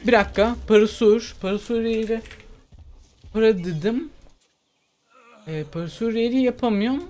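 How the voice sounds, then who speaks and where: Excitable woman commenting her gameplay. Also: mid-range voice, a little hiss or hum. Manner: excitable, talks to herself while playing. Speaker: gamer. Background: faint game music.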